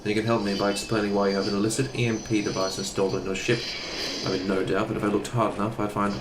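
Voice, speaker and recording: A male actor plays a haughty Imperial baron in a space audio drama, a villain with a lowish voice. He is pompous, measured and condescending, with menace in his words and clear ambient noise around him. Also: level tone, echoey room, natural voice. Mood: smooth menace.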